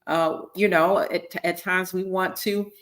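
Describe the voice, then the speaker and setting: A woman's voice: fairly low pitch, steady tone, unhurried, fairly bright tone. A woman hosting a live-streamed teaching talk, speaking conversationally and often checking in with her listeners with "right?" and "okay?". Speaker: host, missions team leader.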